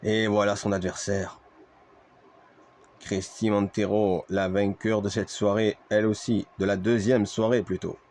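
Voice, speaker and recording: A man's voice: on the low side, little pitch movement, a little slow, darkish tone. A man giving play-by-play wrestling commentary on a video game match, speaking to his viewers like a ringside commentator with repeated exclamations.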